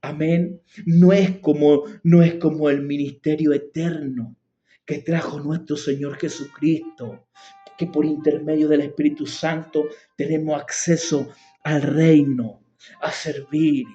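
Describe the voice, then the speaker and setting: A man's voice: fairly even intonation, takes it slowly, dark tone, lo-fi sound, soft background music. A man with a Chilean Spanish accent preaching a sermon, fervent and repetitive, his voice rising and falling. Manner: fervent, rises and falls in pitch, repeats phrases.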